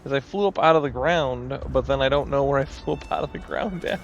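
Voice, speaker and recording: A man's voice: medium pitch, brisk, creaky, highs cut off, a little hiss or hum. A man giving casual gameplay commentary as a streamer, rambling and self-deprecating. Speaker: video game streamer.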